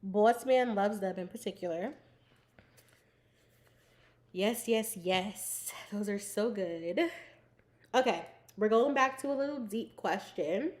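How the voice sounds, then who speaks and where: A woman's voice: medium pitch, slow, long pauses. A bubbly young woman hosting a live stream, chatting casually with her viewers, giggling often, saying "like" a lot, and talking while she snacks. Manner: bubbly and giggly, fills speech with "like". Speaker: livestream host.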